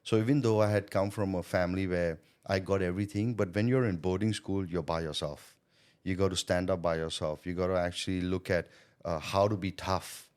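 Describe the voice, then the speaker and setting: This man's low voice stays fairly even as he speaks briskly, with a clear, resonant, slightly mellow tone. Born in Thailand and schooled in India, he is a sales coach and business owner being interviewed about his business and childhood. He talks earnestly and reflectively, often tossing in "right?" and "you know".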